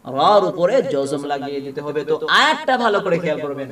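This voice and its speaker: A man teaching Quran reading, spelling out words letter by letter, asking questions and answering them himself, and slowly chanting the verses. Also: on the high side, very animated, pushed and bright, roomy sound, recorded from a distance. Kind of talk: spelling out a recitation lesson.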